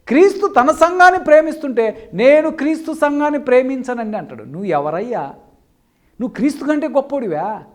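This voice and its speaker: Fiery male preacher with a very high-pitched voice, scolding and full of rhetorical questions. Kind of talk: Telugu sermon.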